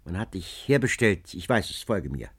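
A man's voice: deep voice, sing-song, moderate pace, breathy edge, voice pushed down, full character voice. A man voicing a stern, indignant old conspirator who speaks commandingly. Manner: commanding, harsh.

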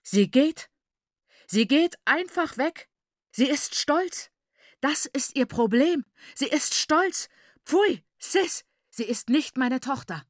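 A woman voicing an enraged, domineering middle-aged father who shouts and berates his daughter. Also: mid-range voice, lively intonation, unhurried, dry recording, clean studio sound, natural voice. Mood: scornful.

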